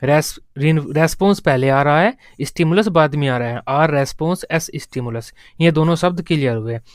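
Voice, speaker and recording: A man's voice: on the high side, moderate pace, dry recording, clean studio sound. Man lecturing to exam students. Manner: repeats key terms, asks and answers his own questions. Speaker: exam-prep teacher. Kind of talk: classroom lecture.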